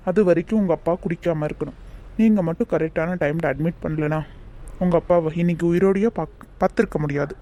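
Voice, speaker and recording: A man's voice: fairly high pitch, fairly quick, dark tone, close to an everyday voice. Cartoon doctor, played by a man, grave, explanatory, darkish tone, distant mic. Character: calm middle-aged male doctor.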